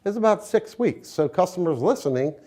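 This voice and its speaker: A man's voice: sits high, animated, fairly quick, warm tone. An American man, a business owner, giving a conversational promotional interview in a plain-spoken, explanatory, folksy way. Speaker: window company owner, interviewee.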